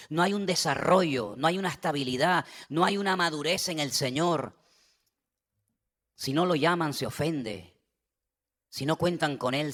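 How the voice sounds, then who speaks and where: A middle-aged male pastor delivers a fervent sermon. His voice sits high and rings brightly. He surges into loud exhortation, then sinks to quiet, low-pitched asides. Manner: impassioned preaching, rising to loud exhortation and dropping low.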